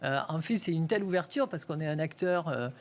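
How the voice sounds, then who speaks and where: Middle-aged woman, sing-song Toulouse accent, business guest, halting and searching for words. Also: low-pitched, lively intonation. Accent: southwestern French, Toulouse. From Toulouse, France. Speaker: bank executive guest. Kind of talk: business interview answers.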